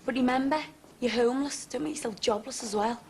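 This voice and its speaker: An actress playing a harried working woman, brisk and firm, in a 1980s TV soap. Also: a little high, a little mellow, slight background noise, lightly acted.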